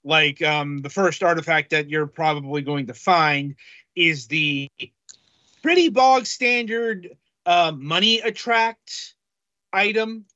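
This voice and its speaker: A man co-hosting a casual game-review podcast, talking haltingly with many fillers. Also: fairly high pitch, bright, forceful tone, no echo, highs cut off. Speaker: podcast co-host reviewing games.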